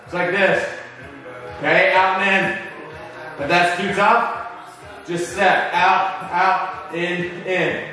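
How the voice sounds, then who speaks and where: A man's voice: sits high, steady tone, takes it slowly, long pauses, bright, forceful tone, faint music behind. A middle-aged man coaching a workout as he exercises, giving rallying pep-talk cheers in short urging commands, recorded in a home gym. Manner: exerting himself while talking. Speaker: fitness coach. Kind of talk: live workout instruction with counting. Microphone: camera several metres away. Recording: very echoey room, far from mic.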